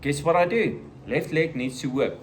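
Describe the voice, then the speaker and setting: A South African man in his thirties telling a personal story in a casual vlog, acting out the voices and the shouting. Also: fairly high pitch, normal speed, slight background noise. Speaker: vlogger.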